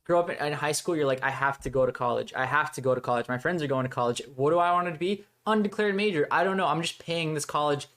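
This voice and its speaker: A young man from Colombia whose first language is Spanish, a filmmaker guest telling his story in casual, animated podcast chat. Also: a little high. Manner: animated storytelling, quick asides, laughs easily.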